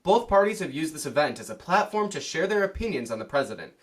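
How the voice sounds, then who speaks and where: A young man reads the lead stories in a slightly high voice. His delivery is earnest and formal, in the manner of an anchor opening a newscast. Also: big pitch swings, quick pace. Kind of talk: scripted news reading.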